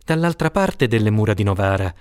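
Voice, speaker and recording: A man narrating an audiobook in a steady, expressive reading voice. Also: lowish voice, brisk, clean tone, dry recording, clean studio sound.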